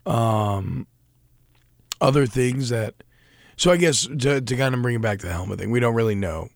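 Young male podcast co-host, gravelly, dry close sound, rambling and self-deprecating. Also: mid-range voice, expressive, moderate pace, no echo. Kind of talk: casual chat about a TV show.

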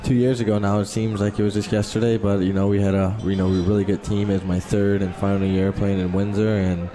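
A man's voice: fairly low pitch, level tone, brisk, warm tone. A young man answering interview questions casually as a guest athlete, leaning heavily on "you know". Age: young adult. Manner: frequent "you know" filler. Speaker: hockey player guest.

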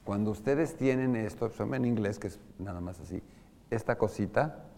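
A man with a Mexican Spanish accent lectures on opera in a large hall, and his words trail off into a long reverb. His voice sits on the low side. He talks loosely, stops to ask the group questions and sings brief examples. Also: moderate pace, gravelly, warm tone. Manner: explains with sung and spoken examples, asks the audience questions. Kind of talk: informal lecture to a live group.

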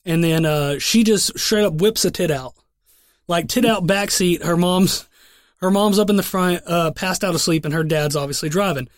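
A man's voice: high-pitched, normal speed, no echo, studio quality. A young man co-hosting a podcast, telling a crude story in rambling, profane casual chat with lots of restarts. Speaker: podcast co-host.

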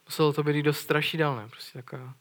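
A man's voice: fairly high pitch, flat delivery. Earnest man preaching a sermon. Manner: earnest, retells scripture with questions to listeners.

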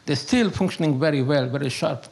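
The recording is rough, capturing an older Hungarian man's fairly high, somewhat dark voice with its gravelly creak. Recounting his life as an interviewee, he tells stories and philosophizes conversationally without a script, his English broken and halting and his Hungarian accent plain, often repeating words for emphasis.

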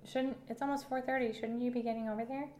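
Lady doing a nerdy science kid, stammery, higher voice, echoey room. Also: steady tone, fast talker, warm tone, slight background noise, close to an everyday voice. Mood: eager. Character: nerdy young boy Mark, into science. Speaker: improv comedian. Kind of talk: improvised comedy podcast.

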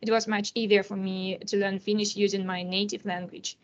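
This is a teenage student guest, a nineteen-year-old native Russian speaker from Russia whose accent is Russian. She responds to interview questions cautiously, often hesitating. Her voice is mid-range with little pitch movement, and the highs are cut off.

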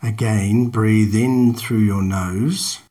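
A man narrating a guided meditation in a calm, measured, unhurried manner, leaving long pauses between instructions. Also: fairly low pitch.

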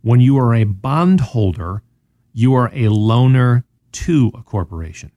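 A man with a Southern US accent hosting a financial talk show, explaining markets in an animated, sarcastic way full of rhetorical questions. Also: medium pitch, measured pace, dry recording, muffled recording. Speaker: radio show host.

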